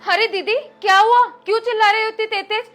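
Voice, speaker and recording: A woman's voice: very high-pitched, normal speed, a bit bright, soft background music. Woman playing a sassy defiant daughter-in-law. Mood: irritated. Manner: sassy, dismissive. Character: lazy defiant young daughter-in-law, cunning.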